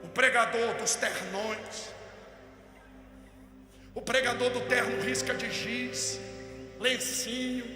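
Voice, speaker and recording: High-voiced man preaching in an echoey hall. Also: takes it slowly, long pauses. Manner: animated storyteller, rising to shouted preaching. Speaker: pastor. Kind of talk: impassioned sermon storytelling. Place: large hall at a youth event. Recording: echoey hall with music behind.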